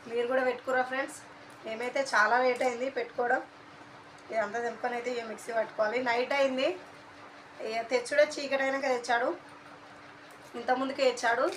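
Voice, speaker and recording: A young woman rambles chattily through a home vlog, filling her talk with fillers. Her voice sits fairly high and sharply bright, though a stuffy cold and sore throat show through. Faint hiss lies under it. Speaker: vlogger and mother. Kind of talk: casual home vlog narration.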